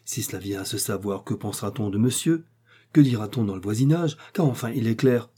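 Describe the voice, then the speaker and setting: Man voicing a servile concierge, stammering, husky, dark timbre, pitched up. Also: animated, brisk. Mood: flustered pleading. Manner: stammering, pleading, raised pitch. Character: flustered middle-aged male concierge, servile and shocked. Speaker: character in a read story. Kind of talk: audiobook character reading.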